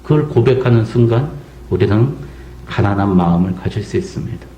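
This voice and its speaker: A man's voice: fairly low pitch, lively intonation, brisk, mellow, muffled recording, slight background noise. A middle-aged man from South Korea preaching a sermon as pastor, acting out quotes and asking the congregation pointed questions. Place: church sanctuary. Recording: echoey church sanctuary.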